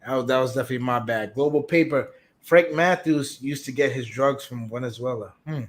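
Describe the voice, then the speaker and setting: A man's voice: mid-range voice, fairly quick. A man hosting a casual live stream, chatting in a laid-back, slangy way and reading out viewer comments. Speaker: host.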